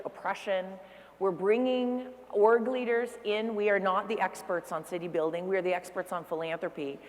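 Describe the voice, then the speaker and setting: A woman giving an earnest, persuasive conference talk about philanthropy from a lecture hall. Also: mid-range voice. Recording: reverberant hall.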